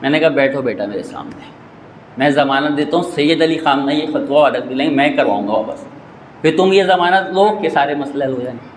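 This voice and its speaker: A male cleric giving an impassioned religious sermon, arguing rhetorically and rising to shouts, into a microphone in a mosque prayer hall. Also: a little high, a little hiss or hum. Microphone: stand microphone.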